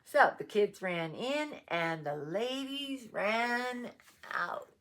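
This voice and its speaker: A woman reading a children's picture book aloud, with chatty asides to her dog. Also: a little high. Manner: slow, animated, chatty asides. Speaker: storybook reader.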